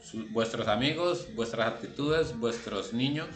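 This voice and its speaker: A man's voice: medium pitch, a little slow, fairly bright tone, reverberant, soft background music. A man teaching a language class online, explaining rules step by step and calling on students by name.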